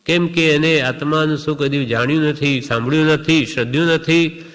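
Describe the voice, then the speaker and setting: A man giving a devotional discourse who chants lines of verse slowly and then explains them in plain speech. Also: on the high side, a bit bright, long reverb tail. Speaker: Jain religious speaker.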